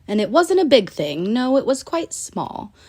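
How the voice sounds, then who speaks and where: Reading a rhyming picture book for children, this woman uses a lively, sing-song storytelling style broken by deliberate pauses. Her voice sits on the high side.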